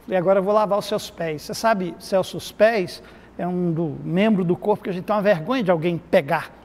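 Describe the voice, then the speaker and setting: A middle-aged man, a pastor and therapist, telling a lively anecdote full of quoted dialogue in a TV studio interview. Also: high-pitched, brisk. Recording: reverberant studio with faint noise.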